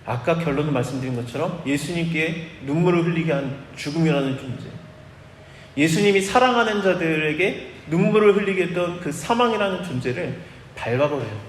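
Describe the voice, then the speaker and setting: A male preacher with a high, lively voice that leaps up and down as he acts out the people in his story. He is heard delivering a sermon live in a church sanctuary. The sound rings with long reverb and a faint hiss behind it. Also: a little fast. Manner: animated, acts out quoted dialogue. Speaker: pastor. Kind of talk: expository sermon. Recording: echoey hall, live church recording.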